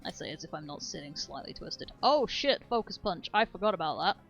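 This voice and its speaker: A woman's voice: fairly low pitch, lively intonation, a little fast, a bit bright, faint music behind. A woman streamer chatting casually and rambling enthusiastically about speedrun details, swearing freely. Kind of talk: casual game-stream chat.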